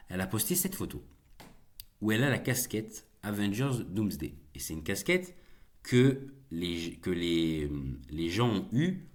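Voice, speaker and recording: A man's voice: fairly low pitch, big pitch swings, measured pace. A young man hosting a casual solo video, chatty and jokey with viewers, rambling with many fillers and restarts. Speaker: YouTube host reacting to film news.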